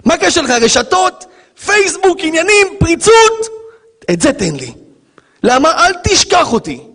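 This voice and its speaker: A man giving voice to God speaking to a believer, gentle but demanding, in short repeated pleas. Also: extremely high pitch, sing-song, voice pushed up, heavily acted. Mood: pleading. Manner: pleading, repeating short commands.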